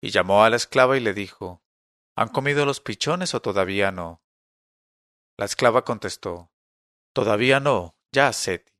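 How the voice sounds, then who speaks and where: Man calmly reading an old tale. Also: fairly low pitch, dry recording, clean studio sound. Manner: calm, measured storytelling. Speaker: narrator. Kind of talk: storybook reading.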